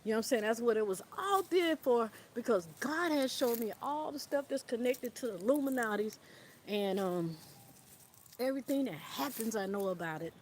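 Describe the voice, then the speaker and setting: A woman's voice: fairly high pitch, lively intonation, normal speed, a little mellow. A woman talking casually on a livestream outdoors in the wind, rambling and repeating "you know what I'm saying" while calling listeners "baby". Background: light wind.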